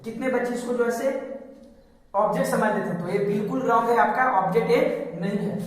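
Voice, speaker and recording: A man's voice: very high-pitched, a little fast. A male teacher explains a grammar lesson step by step. He asks rhetorical questions and then answers them himself. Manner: repetitive, explains step by step with examples. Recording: echoey hall, mic far off.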